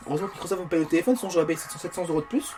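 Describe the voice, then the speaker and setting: A man's voice: a little high, racing, music in the background. A man reviewing a phone, chatting casually while he plays games on it, with self-mocking asides. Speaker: tech reviewer. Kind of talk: casual game-testing commentary. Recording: faint background noise.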